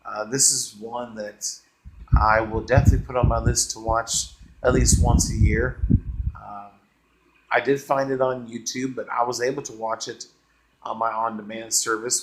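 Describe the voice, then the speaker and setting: A man hosting a movie review channel, giving a casual unscripted review in a rambling, halting way with many fillers and easygoing enthusiasm. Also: on the low side, background noise.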